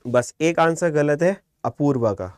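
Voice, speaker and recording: A man's voice: fairly high pitch, unhurried, clear, resonant tone, no room sound. Man, shorthand teacher, live online class, patient, encouraging, dry close sound. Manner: calm, encouraging, quizzes students by name.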